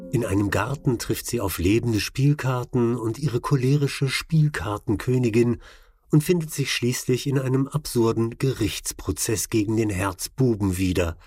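Husky-voiced male documentary narrator. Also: medium pitch, moderate pace, darkish tone, no room sound, clean studio sound, faint music behind.

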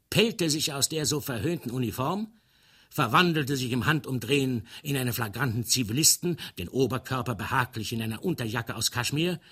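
A man's voice: medium pitch, a bit bright, breathy edge. A man narrating a literary story aloud in a playful, ornate storytelling manner. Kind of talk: dramatic literary reading.

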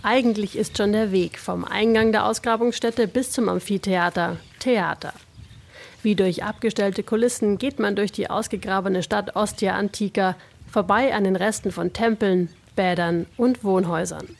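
A reporter reads a scripted radio feature in a middle-pitched, noticeably creaky voice. She keeps a steady tone at normal speed.

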